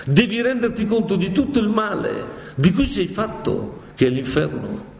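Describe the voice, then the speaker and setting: A man lecturing on stage in a large hall, his voice a touch high and theatrical. The long reverb of the room trails every word, over faint ambient noise. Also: normal speed, creaky. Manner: dramatic, animated, theatrical. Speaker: speaker lecturing on Dante. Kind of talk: lively public talk. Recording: echoey hall.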